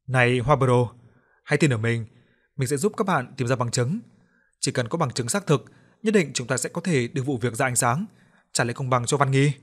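A man's voice: medium pitch, expressive, a little fast, natural voice. A man voicing a resolute young female student detective who speaks firmly and earnestly in an audio story. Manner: firm and earnest.

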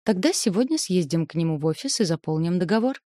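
A woman's voice: fairly low pitch, lively intonation, fast talker, mellow, dry recording, clean studio sound, natural voice. A woman reading the lines of a cocky, self-satisfied young male student who drawls out his teasing. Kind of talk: audiobook character voice.

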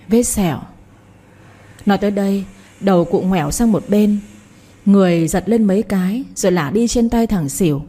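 A woman narrating a novel in a steady storytelling voice. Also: medium pitch, slightly rough.

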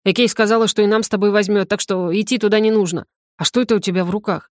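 A woman's voice: medium pitch, steady tone, fast, dry recording, natural voice. A cheerful young male student, as a woman narrator plays him, talking in an easy, reassuring way. His voice stays close to the reader's own. The recording is dry. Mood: easygoing.

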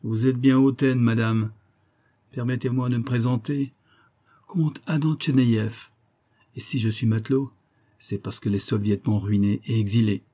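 A man's voice: medium pitch, steady tone, measured pace, mellow, lightly acted. A man reading the lines of a polite young sailor who is an exiled count. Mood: composed.

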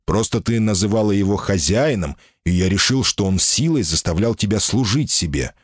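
A man's voice: on the low side, expressive, normal speed, slightly rough, no room sound, clean studio sound. A man voicing a proud, impatient male jinni in human form, curt in his speech, in an audiobook reading.

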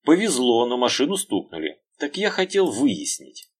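A man voicing a calm, tough police colonel who speaks quietly and dryly. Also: mid-range voice, voice pushed up. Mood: measured. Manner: quiet, dry, measured.

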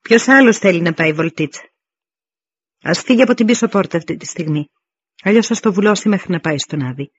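Brief: mocking male warrior, voiced by a male reader, higher-pitched, dull recording. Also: lively intonation, breathy edge, no room sound. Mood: taunting. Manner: taunting.

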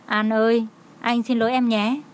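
A man's voice: extremely high pitch, level tone, normal speed. A woman voicing a playful young male coworker who teases and whines. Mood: sheepish.

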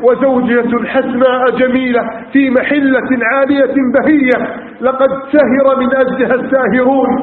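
A man preaching a sermon, telling stories with passion and piling up rhetorical lists. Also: very high voice. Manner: impassioned storytelling with rhetorical lists. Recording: tinny, echoey hall recording.

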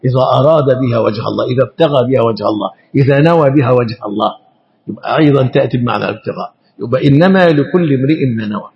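A man with an Egyptian Arabic accent, an Islamic scholar teaching a lesson, speaking slowly and deliberately and often stumbling and repeating syllables as he explains. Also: medium pitch, gravelly, muffled recording. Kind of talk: classroom lesson explaining grammar and meaning.

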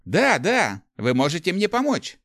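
Guy doing a cocky young thief, chatty, pitched way up. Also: huge pitch swings, a little slow, a bit bright, dry recording, studio quality, full character voice. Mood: eager. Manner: bold, chatty, playful. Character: cheeky brash young male thief.

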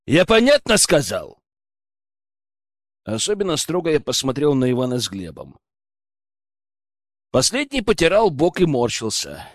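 A man narrating a first-person fantasy audiobook in a wry, expressive manner. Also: medium pitch, moderate pace, long pauses, no echo, studio quality.

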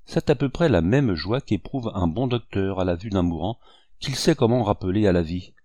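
A man with a low, dark voice reading a classic novel aloud as an audiobook. His delivery is measured and expressive, with a close, dry studio sound and no room echo. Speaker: audiobook narrator. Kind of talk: literary audiobook narration.

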